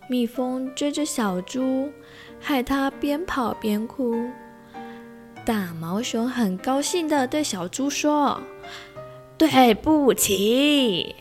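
A woman reading a children's picture book aloud as a storyteller, with gentle, slow pacing. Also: high voice, soft background music.

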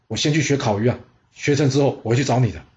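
A man's voice: mid-range voice, quick pace, natural voice. Man voicing a humble brave butcher, earnest and raised, slightly dull audio-drama sound. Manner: raised excited voice.

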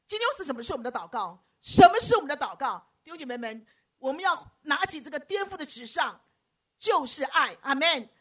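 A woman preacher, giving a lively sermon, teasing her listeners by name and acting out quoted voices. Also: sits high. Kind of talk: lively sermon with audience banter.

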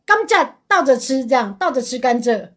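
Woman co-host, high and fast, giggly, teasing banter. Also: big pitch swings. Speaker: podcast co-host. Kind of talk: casual chat.

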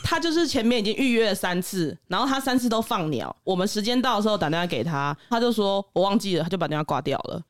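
A man with a Taiwanese accent, a regular guest on a casual podcast, telling work stories in a quick, animated way and acting out his customers. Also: high-pitched. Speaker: pet groomer, regular guest.

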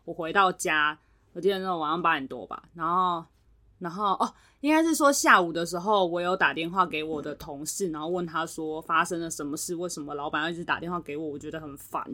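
A young podcast co-host with a low-sitting voice talks fast as she shares a work story in casual chat, animatedly performing the words of the people she quotes.

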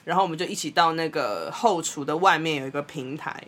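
A young Taiwanese woman with a Taiwanese Mandarin accent, co-hosting a podcast and telling a story in a blunt, animated way, laughing often. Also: low-pitched, quick pace. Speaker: podcast co-host. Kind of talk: casual storytelling chat.

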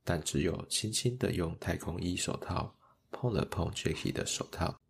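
Deep gravelly male storyteller. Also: normal speed, a little hiss or hum. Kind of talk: children's story narration.

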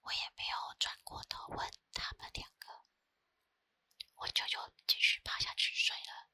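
Taiwanese mandarin accent woman doing asmr storytime, all whispered, breathy and crisp bright, right up on the mic. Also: measured pace, no echo, studio quality. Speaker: ASMR creator. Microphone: close ASMR microphone.

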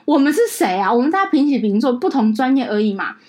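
Taiwanese woman podcast host ranting animatedly, kinda high voice, talks fast. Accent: Taiwanese Mandarin. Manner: animated, indignant storytelling with acted-out quotes. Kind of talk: casual chat.

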